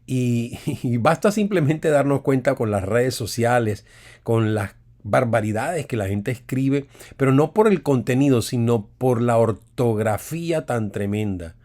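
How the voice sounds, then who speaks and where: A man's voice: medium pitch, lively intonation, a little slow, darkish tone. A man teaching an online Bible course, explaining step by step and repeating words for emphasis.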